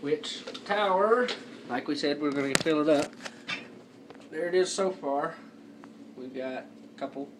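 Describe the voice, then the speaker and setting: A man's voice: fairly high pitch, unhurried, pauses often. A young man giving a casual review as he chats, talking with a lip full of dip. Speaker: amateur product reviewer. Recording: noisy, distant home video microphone.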